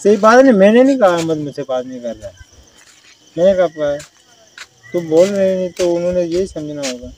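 Young man, apologetic friend, slightly high voice, faint background noise. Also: animated, moderate pace, darkish tone. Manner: pleading, apologetic. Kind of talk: casual conversation.

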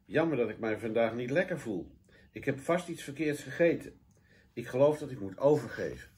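A man's voice: mid-range voice, lively intonation, normal speed, darkish tone, close to an everyday voice. A man reading aloud who voices a clever, cheerful female duck in a children's story, lifting his voice slightly. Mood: nervous, wily.

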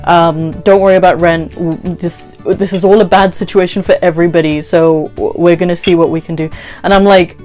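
The speaker is a woman vlogger in her twenties, indoors in a small bedroom, with a lowish voice and a fairly quick delivery over soft background music. She chats casually through an animated story, acting out quoted dialogue and leaning on "like" frequently.

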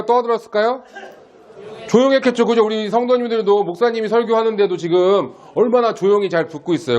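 High-voiced man preaching simply. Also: highs cut off. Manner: simple, slow-paced teaching with questions to the congregation. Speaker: pastor.

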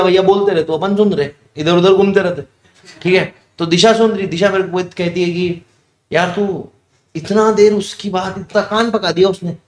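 A young man teaching with a fairly high voice. He talks to the class in a loose, chatty way and often asks a question and then answers it. The room has a lot of echo. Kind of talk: casual classroom digression. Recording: echoey room.

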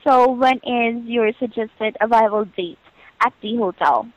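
A woman working hotel bookings speaks a bit slowly in a slightly high, steady voice, without echo. Patient and courteous, she relies on set customer-service phrases. It's a phone call, recorded muffled and lo-fi over the line.

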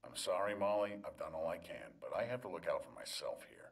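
An actor playing a weary, clinical doctor in a video game drama, speaking in a measured, official and apologetic way. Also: male voice, low-pitched, big pitch swings, gravelly, distant mic, full character voice. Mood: firm, apologetic. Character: weary, clinical male doctor enforcing harsh rules.

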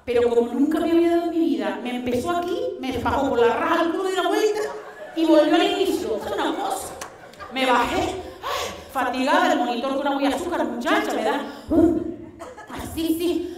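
In a very echoey hall, heard at some distance, a woman delivers a stand-up monologue in a Canarian Spanish accent. Her voice is high-pitched. She tells it in colloquial, blunt language, acting out the people in her stories. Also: fairly quick, a little hiss or hum. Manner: animated storytelling, acting out quoted exchanges. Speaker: stand-up comedian. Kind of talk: stand-up comedy monologue to a live audience. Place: theatre stage, indoors. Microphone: headset microphone.

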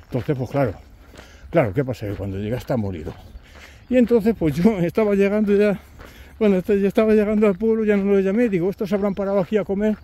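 Mellow-voiced man telling trail stories. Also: sits high, animated, fairly quick. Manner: chatty anecdote-telling, chuckling, acting out companions' lines. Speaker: pilgrim vlogger. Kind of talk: casual storytelling to camera while walking. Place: outdoors on a rural walking trail.

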